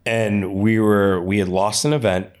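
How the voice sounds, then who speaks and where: A man's voice: on the low side, steady tone, a little slow, a little mellow. A man in an interview, telling stories casually, often restarting and repeating words. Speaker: interview guest, athlete and coach.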